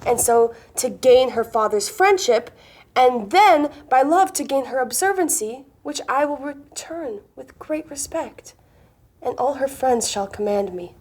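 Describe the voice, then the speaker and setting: A woman playing a gallant, sensible young gentleman in love, in mannered Restoration-comedy style. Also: high-pitched, expressive, a little slow. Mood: earnest, gallant. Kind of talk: Restoration-comedy stage acting, mannered period dialogue.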